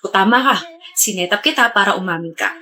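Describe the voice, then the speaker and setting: A woman voicing a blunt, teasing young male best friend in a comedy skit, speaking in a lowered voice. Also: lively intonation, fast talker, pushed and bright. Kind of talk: skit role-play.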